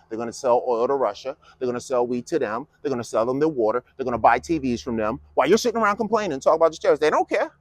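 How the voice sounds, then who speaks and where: A vlogger in his fifties gives a political speech as a casual, mocking monologue loaded with rhetorical questions. His voice is mid-range, and the recording has no room sound.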